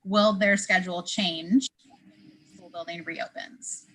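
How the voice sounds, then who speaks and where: A woman's voice: lowish voice, steady tone, unhurried, fairly bright tone. A woman reading a parent's question aloud on a video call, her connection briefly cutting out. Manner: reads questions aloud plainly. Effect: connection cutting out, glitchy dropout. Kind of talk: online meeting Q&A.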